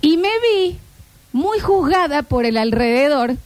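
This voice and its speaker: A woman in her thirties with an Argentine accent, hosting a casual chat and telling stories in an animated way with many filler sounds. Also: sits high, a little slow, no room sound. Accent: Argentine Spanish. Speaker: streaming show host.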